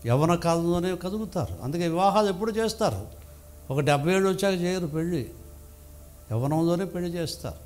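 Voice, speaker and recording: A man's voice: high voice, animated, fairly quick, darkish tone, soft background music. An older man preaching a sermon in a church, emphatic and full of rhetorical questions to the congregation. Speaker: pastor.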